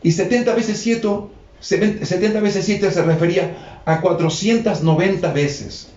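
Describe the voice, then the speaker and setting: A man's voice: sits high, a little slow, darkish tone. A man preaching a sermon, explaining scripture and repeating key phrases to his listeners. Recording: echoey, dull lo-fi room recording.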